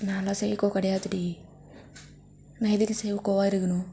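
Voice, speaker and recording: A woman's voice: medium pitch, little pitch movement, normal speed, warm tone, close to an everyday voice. A woman voicing a possessive, jealous young husband who pleads and threatens, in a fanfic story reading. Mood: pleading. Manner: intense, pleading then menacing.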